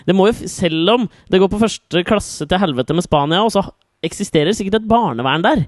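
A man's voice: sits high, expressive, no echo, studio quality. A man, co-hosting a podcast and bantering sardonically, with some swearing. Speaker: podcast co-host. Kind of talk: casual chat.

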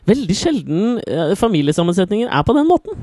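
A man's voice: high voice, sing-song, a little mellow. A man, co-hosting a podcast and bantering sardonically, with some swearing. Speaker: podcast co-host. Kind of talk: casual chat.

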